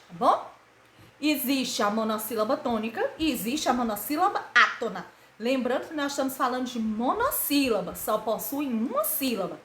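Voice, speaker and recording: Lively woman teaching grammar. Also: high-pitched, reverberant, a little hiss or hum. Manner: didactic, asks and answers her own questions, stretches syllables for emphasis. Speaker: schoolteacher. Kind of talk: grammar lesson for children.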